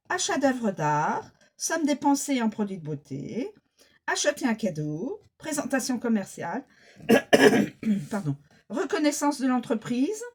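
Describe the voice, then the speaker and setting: Slow, husky-voiced woman reading cards. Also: sits high, darkish tone. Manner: slow and halting, reads card meanings aloud and repeats words. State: frequent coughing, frog in the throat. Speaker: card reader. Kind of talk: unscripted card reading to camera.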